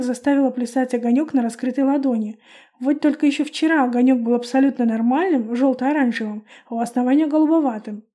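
A woman calmly narrating a first-person audiobook. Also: sits high.

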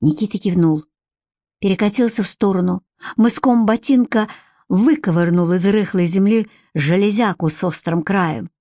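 A woman reading an audiobook in steady, measured narration. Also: mid-range voice, no echo, studio quality. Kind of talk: scripted narration.

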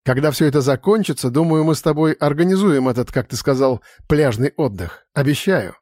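Narrator playing a laughing, carefree mage, slightly raised pitch. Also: male voice, expressive, brisk, a little mellow, no room sound, clean studio sound. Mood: amused. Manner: jovial, amused. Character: cheerful male mage, easygoing and laughing. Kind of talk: audiobook character voice.

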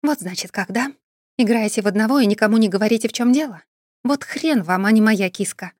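A woman's voice: medium pitch, lively intonation, moderate pace, darkish tone, no echo, studio quality, close to an everyday voice. A woman reading an audiobook voices a cool-headed young businesswoman who speaks curtly and indignantly. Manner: curt and indignant, raised voice.

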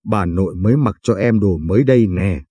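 A man voicing a small, innocent little sister who chats without grasping the loss, in a husky read. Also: low-pitched, brisk, warm tone, no echo, studio quality. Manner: innocent, chirpy.

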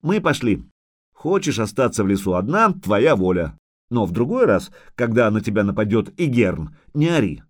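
A man voicing a gruff, sardonic male monster hunter who talks brusquely and mockingly. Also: fairly low pitch, big pitch swings, moderate pace.

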